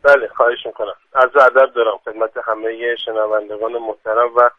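A man interviewed by phone on the radio, formal and polite, pausing often with hesitant fillers. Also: mid-range voice, little pitch movement, dry recording. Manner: formal, slow, many hesitant pauses. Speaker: phone-in guest. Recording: tinny phone line.

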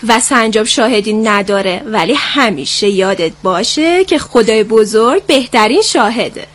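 A woman voicing a kind, calm hoopoe bird who gives gentle advice in a children's story. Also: a little high. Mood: kindly. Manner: calm, kindly.

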